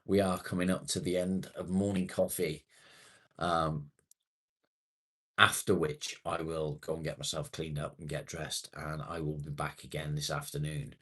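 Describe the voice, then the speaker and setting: A man's voice: a bass voice, fairly bright tone, husky. A man in his late forties hosting a casual livestream, chatting matily with viewers and swearing now and then. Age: 40s. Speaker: livestream host. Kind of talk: casual live chat reading viewer comments.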